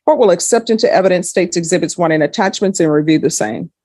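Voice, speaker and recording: A woman's voice: on the low side, fast, darkish tone, no room sound, clean studio sound. A woman speaking as a judge in a courtroom, formally putting questions and giving rulings. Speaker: judge presiding over a court hearing.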